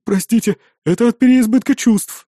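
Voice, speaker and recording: A male reader voicing a strong, loud innkeeper woman who gushes and turns stern in a flash. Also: moderate pace, dry recording, studio quality. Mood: gushing. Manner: booming, gushing, then stern. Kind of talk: audiobook character voice.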